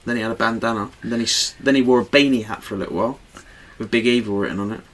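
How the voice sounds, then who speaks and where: Gravelly man on a podcast. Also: mid-range voice, very fast, fairly bright tone, poor audio. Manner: sweary, jokey, rambling. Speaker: podcast co-host. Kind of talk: casual podcast chat.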